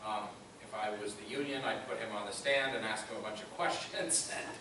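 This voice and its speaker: A man at a school board meeting explaining a point at length in a measured way, recorded from a far camera. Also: on the low side. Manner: measured, explanatory, hesitant fillers. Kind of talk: meeting discussion. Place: large meeting room. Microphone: far room camera. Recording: echoey room from far off, hissy.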